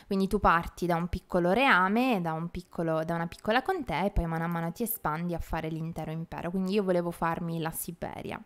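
A young woman streamer chatting casually while playing a strategy game, playful and quick to laugh as she reads the chat. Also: fairly low pitch. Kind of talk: casual live game commentary.

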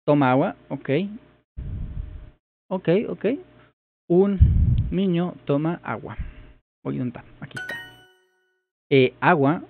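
A man vlogging his first try at a new language, thinking aloud hesitantly and repeating phrases as he works them out. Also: medium pitch. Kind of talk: casual thinking-aloud commentary. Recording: tinny phone-like sound.

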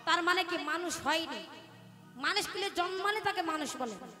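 A woman's voice: very high-pitched, expressive, moderate pace. A woman kirtan singer giving a devotional sermon, telling stories with acted dialogue and leading the audience in call-and-response chants. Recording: live stage with long reverb and music.

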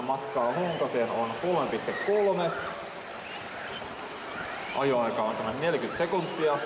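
Man calling a model car race in an echoey hall. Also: mid-range voice. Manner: steady running play-by-play, listing positions. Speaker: race commentator. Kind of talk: live race commentary. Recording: echoey hall, noisy PA sound.

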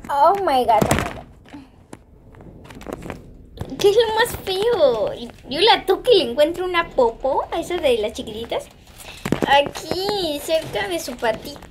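A woman vlogging at home with her pet rabbit, giggly, excitable and chatting with her viewers. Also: extremely high pitch, unhurried, pauses often, a little hiss or hum. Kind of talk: casual home vlog.

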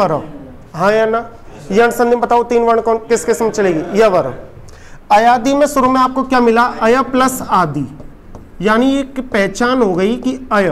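A man teaching a coaching class, quizzing students again and again and answering his own questions. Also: very high voice. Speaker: Hindi teacher. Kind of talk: classroom lecture with call-and-response drilling.

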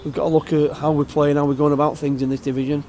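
Older male football manager, post-match chat; warm, slightly high voice, halting delivery. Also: flat delivery. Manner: halting, repeats words, plain-spoken. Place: empty outdoor stadium stand.

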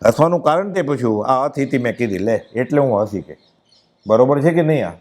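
A man with a Gujarati accent giving a devotional discourse, chanting verses slowly and then explaining them in plain speech. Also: mid-range voice, lively intonation, darkish tone. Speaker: spiritual discourse speaker.

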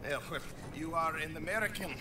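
An actor playing an eccentric, arrogant mad inventor in a video game, halting, muttering and condescending. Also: male voice, a little high, sharp tone. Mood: condescending, impatient. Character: eccentric mad professor, arrogant, excitable foreign male inventor. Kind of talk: video game character acting. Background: game ambience.

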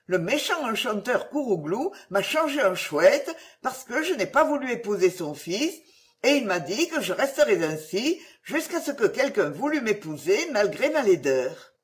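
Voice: big pitch swings, normal speed, close to an everyday voice. A storyteller voicing an enchanted princess turned into an owl, who pleads eagerly in a raised voice. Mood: pleading, eager. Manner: eager, higher and louder than the narration. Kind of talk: storybook reading.

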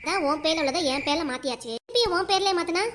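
A woman's voice: very high voice, racing, background noise. A woman voicing a scheming, bossy young wife in a cartoon comedy, with a southern Tamil Nadu accent and a scornful, taunting manner. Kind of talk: cartoon comedy sketch acting.

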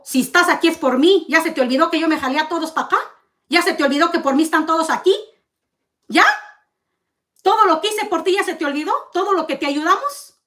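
A woman rants to camera in her vlog, accusing and bitter. Her voice sits high, and she stacks up hard rhetorical questions. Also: a bit bright. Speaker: vlogger. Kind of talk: heated confrontational rant to camera.

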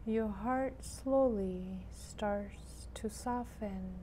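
Very slow, mellow woman guiding meditation. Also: mid-range voice, a little hiss or hum. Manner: soothing, gentle, unhurried with long pauses. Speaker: guided meditation leader. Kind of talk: guided meditation.

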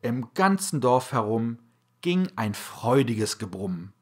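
Man, storybook narrator, husky voice, slow and swooping delivery, sound words called out. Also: mid-range voice, big pitch swings. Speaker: narrator reading a children's verse tale. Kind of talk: expressive storybook reading.

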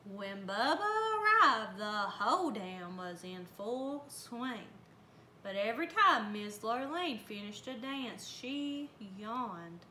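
A woman volunteer reading a storybook aloud with expressive, folksy storytelling. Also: a little high, takes it slowly. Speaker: volunteer reader. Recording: roomy, faint background noise.

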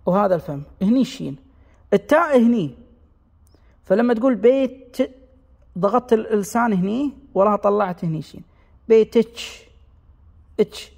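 A man with a Gulf Arabic accent giving an explanatory lesson on dialects, repeating sounds slowly to demonstrate them and sketching a diagram as he explains. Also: high voice, creaky, a little mellow, husky, big-room sound. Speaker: dialect linguistics teacher.

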